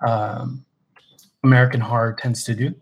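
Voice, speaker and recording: A man's voice: medium pitch, normal speed, creaky, breathy edge. A man in the middle of his range, chatting loosely as a podcast co-host. He talks with easy enthusiasm, trailing off and restarting his sentences often. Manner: relaxed, many fillers and restarts, enthusiastic recommendations. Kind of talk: casual chat.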